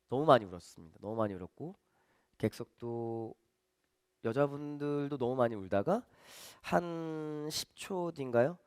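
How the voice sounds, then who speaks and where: A man's voice: mid-range voice, no echo, clean studio sound. A man, a magician giving a stage talk, telling stories animatedly and acting out the dialogue. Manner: animated, acts out dialogue for the audience. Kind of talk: stage lecture storytelling.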